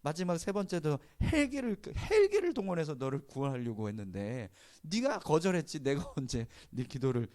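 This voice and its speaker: A man's voice: a little high, sing-song, normal speed, hardly any pauses, darkish tone, pitched above the performer's own voice. A man voicing an exasperated, chiding God. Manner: chiding, rhetorical questions.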